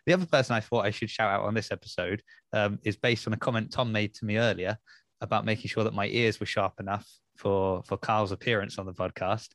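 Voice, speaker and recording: A man co-hosting a podcast, chatting in a thoughtful, halting way with frequent restarts. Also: on the low side, steady tone, fairly bright tone, no echo, studio quality. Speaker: podcast co-host. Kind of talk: casual podcast chat.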